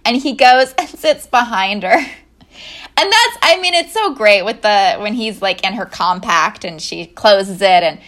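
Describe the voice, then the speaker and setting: A woman's voice: mid-range voice, expressive, measured pace, fairly bright tone. A woman in casual chat about movies, laughing often and acting out scenes as she retells them.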